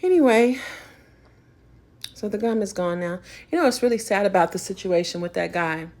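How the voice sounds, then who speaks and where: A woman's voice: medium pitch, expressive, normal speed, a little mellow. A woman vlogger delivering a spiritual rant, emphatic and preachy, rambling with frequent restarts.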